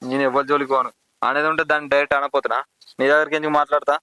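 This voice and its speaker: A man with a Telangana Telugu accent playing a young village postman who pleads, defends himself and gets angry quickly. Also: a little high, little pitch movement, sharp tone, smooth, dry recording, rough recording. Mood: curt. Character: young male village postman, anxious about honour. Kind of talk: village drama acting.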